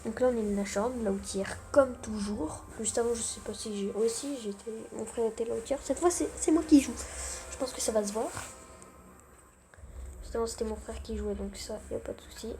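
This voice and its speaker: A woman's voice: a little high, brisk, mellow, a little hiss or hum. A young woman giving casual, self-mocking gameplay commentary, full of gamer slang. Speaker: gaming channel host.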